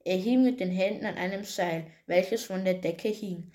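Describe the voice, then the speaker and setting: A woman reading a fairy tale aloud in a plain, steady way, with occasional small slips. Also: mid-range voice, normal speed. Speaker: storyteller.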